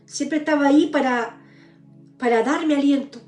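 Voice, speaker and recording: Give me an earnest high-voiced woman. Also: moderate pace, a little mellow, echoey room, faint music behind. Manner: earnest, tearful pleading prayers, addresses listeners as brothers. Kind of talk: live-streamed personal testimony.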